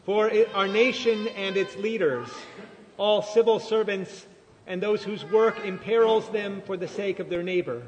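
A man leading formal church liturgy as pastor, solemn and measured, his voice ringing with cathedral-like echo in a large church. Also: high voice, steady tone, muffled recording, a crowd in the background. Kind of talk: formal liturgical prayer recitation. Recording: long church reverb, cathedral-like echo, faint noise.

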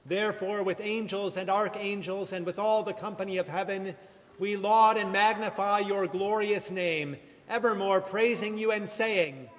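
A man leading formal church liturgy as pastor, solemn and measured, his voice ringing with cathedral-like echo in a large church. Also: sits high, fairly even intonation, fairly bright tone. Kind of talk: formal liturgical prayer recitation. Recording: long church reverb, cathedral-like echo, faint noise.

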